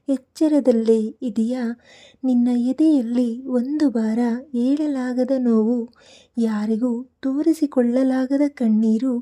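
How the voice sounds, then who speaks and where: A woman narrating a soft devotional night-time message, speaking gently and soothingly and addressing the listener tenderly as a child. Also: on the high side.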